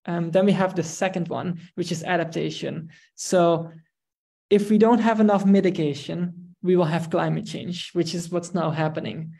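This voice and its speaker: Gravelly-voiced man presenting. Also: high voice, fairly even intonation, darkish tone. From Netherlands. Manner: measured, with frequent ums and restarts. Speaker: guest presenter, researcher. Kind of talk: online presentation. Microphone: video call.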